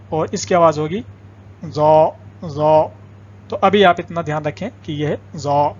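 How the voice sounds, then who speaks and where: A man with a fairly high voice gives a patient alphabet lesson and says each letter sound several times so learners can copy it. The recording sounds dull and lo-fi. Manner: slow, patient, repeats sounds aloud for drilling. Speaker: language teacher.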